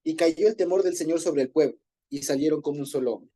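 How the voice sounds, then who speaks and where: A man's voice: a little high, fast, mellow, breathy edge. A man leading an informal group Bible study, explaining Hebrew words in a conversational way and often rephrasing himself.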